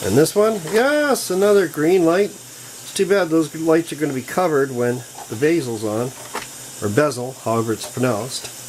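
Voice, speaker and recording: An older man narrating a hands-on computer repair in a casual, folksy, chatty way, with bursts of excitement. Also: a little high, moderate pace, a little hiss or hum, low-quality recording. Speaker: PC repair hobbyist.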